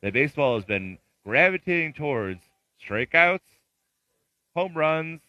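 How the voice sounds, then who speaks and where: A man co-hosting a casual sports podcast, rambling with many pauses. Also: fairly high pitch, big pitch swings, no room sound, lo-fi sound. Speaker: podcast co-host.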